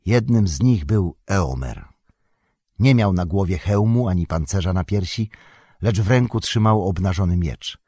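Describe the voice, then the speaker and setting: Male audiobook narrator, low and husky, measured, dry booth. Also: no echo. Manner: steady, measured storytelling.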